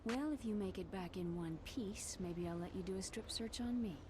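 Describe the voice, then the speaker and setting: An actress playing a composed female military doctor in a video game, measured, clinical and coolly teasing. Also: medium pitch, background noise, lightly acted.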